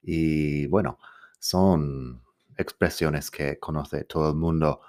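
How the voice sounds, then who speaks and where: A man's voice: extremely low pitch, slow pace, darkish tone. A man teaching a grammar lesson, patiently repeating each example and translating it. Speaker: English teacher.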